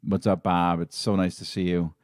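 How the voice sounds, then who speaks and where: A man's voice: deep voice, level tone, normal speed, a little mellow, dry recording, studio quality. Emotional man hosting a casual live stream. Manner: emotional, rambling, with many restarts. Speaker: fan channel host.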